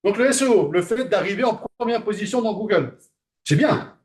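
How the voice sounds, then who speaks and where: A lecturer teaching a class, his voice pitched high for a man. He keeps it conversational, firing questions at the room and leaning on filler sounds between ideas. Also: lively intonation, a little fast.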